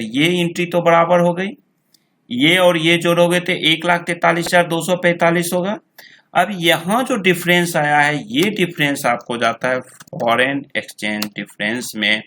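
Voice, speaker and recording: Bright-voiced male accounting tutor, slow and repetitive. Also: fairly high pitch. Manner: slow, repetitive explaining, reads figures out twice. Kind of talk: screen-recorded software tutorial.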